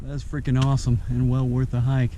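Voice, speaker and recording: A hiker films his trip up a mountain trail, narrating casually and enthusiastically while out of breath from the climb. His mid-range voice is warm, brisk, and monotone, and the outdoor recording is noisy.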